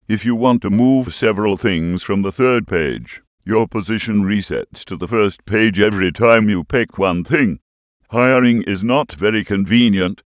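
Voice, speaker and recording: An old computer speech synthesizer speaks as a low-pitched man, reading review narration. The delivery is stilted and robotic, and the sound is dull and lo-fi. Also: dry recording. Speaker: game reviewer.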